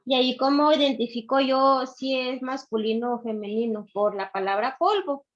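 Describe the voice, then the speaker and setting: A woman student asks a polite, apologetic question in an online class. Her voice sits a little high and comes through a dull, lo-fi call line. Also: fairly even intonation, normal speed.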